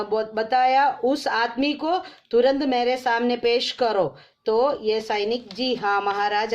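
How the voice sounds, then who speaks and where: A woman teacher retelling a story lesson with quoted dialogue, halting with fillers and restarts as she explains English words. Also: fairly high pitch.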